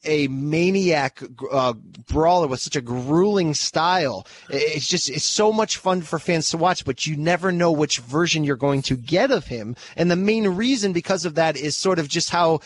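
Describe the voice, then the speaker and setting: Male co-host, energetic boxing analysis, fairly high voice. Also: normal speed, hardly any pauses. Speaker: podcast co-host. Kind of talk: casual sports chat.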